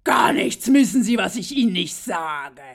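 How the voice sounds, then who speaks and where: A woman's voice: mid-range voice, expressive, unhurried, creaky. A woman voicing an irritated male customs officer who barks his orders. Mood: barking. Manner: barking, shouting.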